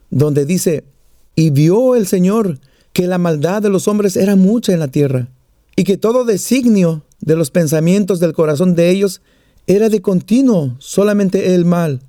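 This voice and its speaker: A man's voice: high-pitched, animated, a little slow, warm tone, dry recording, studio quality. A man preaching a sermon, mixing scripture and prayer with jokes and small stories. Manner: joking storyteller, plays out little voices.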